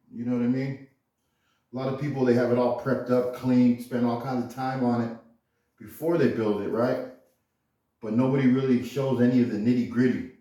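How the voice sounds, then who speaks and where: A man's voice: lowish voice, warm tone. A man in his garage rambling casually about rebuilding an engine, blunt and profane, saying "you know" constantly. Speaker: home mechanic vlogger. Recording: echoey garage, far from mic.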